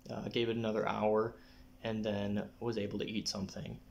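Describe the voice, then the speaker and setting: A young adult man talking casually to camera in a personal update, often clearing his throat. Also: on the low side, completely flat delivery, normal speed, a little mellow, a little hiss or hum. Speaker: vlogger giving a personal health update. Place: small living room, indoors. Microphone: phone or camera at arm's length.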